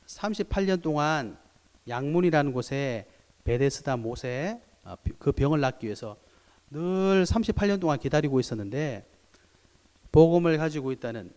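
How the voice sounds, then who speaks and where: A man's voice: medium pitch, darkish tone. A male pastor preaching a sermon, acting out the voices he quotes. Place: church sanctuary. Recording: long church hall reverb.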